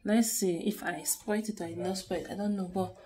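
A young woman with a Nigerian accent talks casually into her phone while doing chores around the house. Her voice sits in a middle range, with faint background noise. She moves between low, weary murmurs and bright, loud bursts of excitement. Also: a little fast. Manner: chatty, sighing, switches between low tired murmurs and loud excited outbursts. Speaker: vlogger, stay-at-home mom. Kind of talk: casual talking-to-camera vlog. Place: home kitchen and rooms, indoors. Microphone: phone camera held close.

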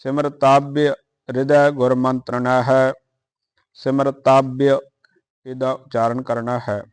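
Slow, measured man reciting scripture. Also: medium pitch, smooth, dry recording. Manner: measured, chanting cadence, quieter asides on pronunciation.

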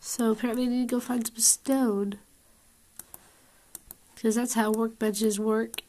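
A woman's voice: a little high, flat delivery, unhurried, dark tone. A woman commentating on her survival game as she plays, puzzled and grumbling to herself about how things work. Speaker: gamer. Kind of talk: gameplay commentary.

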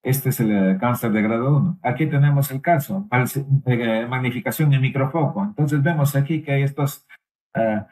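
Man, medical lecture interpreter, halting delivery, pauses and fillers, middle pitch. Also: a little mellow, rough recording.

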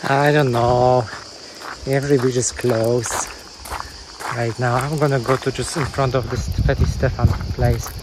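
A young man narrating his budget travel vlog outdoors, talking into a handheld camera in plain, halting phrases. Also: mid-range voice. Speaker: travel vlogger. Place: outdoors on beaches, trails and streets. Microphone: handheld camera at arm's length. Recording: loud outdoor noise.

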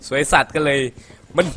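A man's voice: on the high side, a bit bright, slight background noise. A young man from Thailand giving casual, profane let's-play commentary, chattering and laughing as he plays. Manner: rowdy and profane, laughs a lot, playful chatter. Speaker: gaming commentator.

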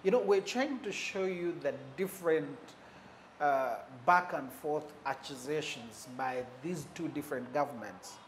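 A man giving unscripted commentary on politics, measured and pausing often, leaning hard on key words. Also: on the high side, animated, a little hiss or hum. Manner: stresses key words for emphasis.

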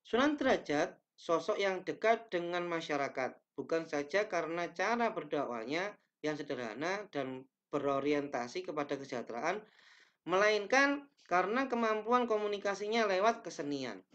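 A man's voice: high-pitched, expressive, fairly bright tone. Young guy teacher reading off slides over a webcam, careful, fixes his slips, muffled lo-fi sound. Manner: careful reading with self-corrections, slows on Javanese phrases. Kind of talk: reading lesson slides aloud. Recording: dull lo-fi webcam audio.

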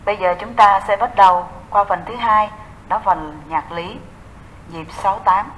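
A woman's voice: mid-range voice, a little slow, fairly bright tone, slight background noise, low-quality recording. A woman teaching a recorded music theory lesson, explaining step by step and answering her own questions to the class.

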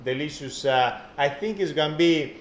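An Italian-accented man hosts a casual cooking stream from a kitchen. His voice sits a little high and he speaks haltingly, repeating phrases as he goes. The room is echoey, with some noise behind him. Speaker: cooking class host. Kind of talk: casual live cooking commentary. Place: indoor professional kitchen.

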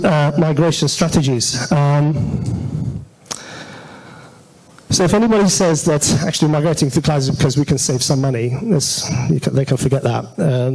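A man presents an informal technical talk at a meetup, standing on an auditorium stage and speaking conversationally, with some hesitation. His mid-range voice is a little mellow, and the recording quality is low.

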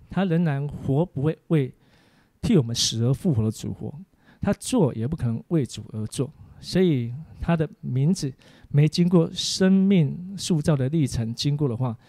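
Full of lively tales about his family, this man's teaching sermon is made for an online course. He speaks a little high, and there's no room sound in the recording.

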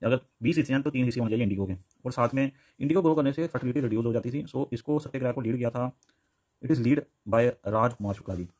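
Fast-talking man teaching over notes. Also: medium pitch, a little mellow. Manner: mixes Hindi and English, restarts and repeats names. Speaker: exam-prep teacher. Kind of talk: explaining quiz answers over handwritten notes. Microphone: phone camera over notebook, speaker off screen.

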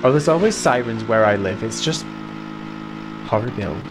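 A man with a Mancunian accent, streaming a game and chatting to his viewers, excitable and dramatic, jumping from squeals to mutters. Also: fairly low pitch, normal speed, noisy background. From Manchester, England. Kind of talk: casual game streaming chat.

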